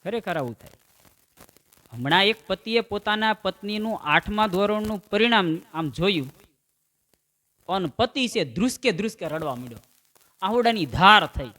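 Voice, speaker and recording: A man's voice: sits high, normal speed, pauses often. A man telling folk comedy stories and acting out the quoted voices. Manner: animated joke-telling, acts out quoted voices. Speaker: stand-up comedian. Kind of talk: Gujarati folk comedy storytelling.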